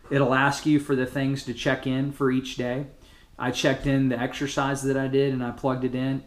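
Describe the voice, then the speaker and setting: A man giving an informal motivational message as a fitness group coach, casual, plain-spoken and encouraging. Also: mid-range voice. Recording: roomy, echoing sound.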